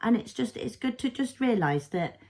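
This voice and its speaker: A woman's voice: on the high side, lively intonation, moderate pace, dark tone. A woman in her thirties, a mother and vlogger, talking through her thoughts in a rambling, reflective way full of fillers. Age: 30s. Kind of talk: casual personal vlog.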